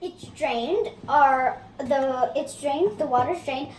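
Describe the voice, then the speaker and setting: Child cooking host, very high voice, slow pace, casual demonstration, echoey room. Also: darkish tone. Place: indoor home kitchen. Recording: roomy kitchen echo, background noise.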